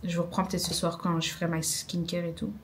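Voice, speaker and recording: A woman's voice: lowish voice, flat delivery, quick pace. A young woman, chatting to a small camera in a rambling, self-mocking vlog. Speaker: vlogger. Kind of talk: casual vlog chat to camera. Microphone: small handheld camera.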